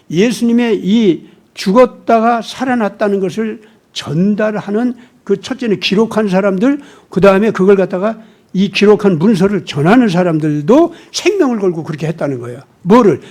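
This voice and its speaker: A man's voice: high-pitched, animated, normal speed, darkish tone. A male pastor delivering a sermon in an emphatic, storytelling manner, often acting out dialogue. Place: church.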